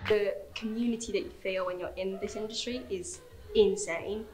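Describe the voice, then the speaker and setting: Emphatic young woman, medium pitch. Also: fairly even intonation, normal speed, darkish tone, faint music behind, rough recording. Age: young adult. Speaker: student performer. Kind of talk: on-camera interview. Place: indoors on a theatre stage set.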